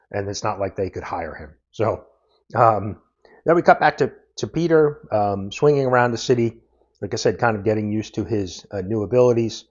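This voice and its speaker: A man giving a casual comic book review, recapping the plot in a loose, meandering way. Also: lowish voice. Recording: dull lo-fi audio.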